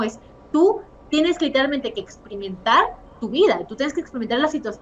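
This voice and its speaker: Quick emphatic woman, philosopher guest. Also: a little high, a bit bright. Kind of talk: casual conversation. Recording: dull sound, faint noise.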